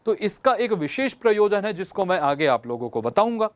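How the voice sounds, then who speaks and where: A man's voice: sits high, sing-song, a little fast, no echo. A male teacher giving a lesson, explaining patiently step by step and repeating examples for his students. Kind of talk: classroom lesson.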